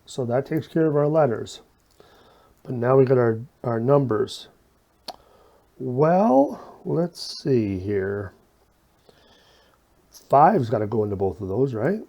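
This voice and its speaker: A man's voice: medium pitch, dark tone, muffled recording. A man teaching an informal step-by-step math lesson in a folksy way, asking and answering his own questions, with a slight whistle on his s sounds. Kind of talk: informal step-by-step video lesson, talking while working problems.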